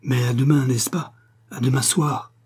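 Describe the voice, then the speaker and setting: A man's voice: medium pitch, fairly even intonation, moderate pace, darkish tone, slightly rough, pitched above the performer's own voice, close to an everyday voice. A man reading the part of a grieving old aristocrat who speaks tenderly and pleadingly to his lost son. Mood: plaintive.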